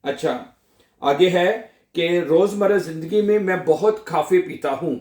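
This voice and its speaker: A male language teacher giving a slow classroom lesson, drilling each word and phrase over and over and asking his viewers questions before he answers them. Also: a little high, a little mellow, roomy sound. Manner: drills words slowly, repeating each phrase.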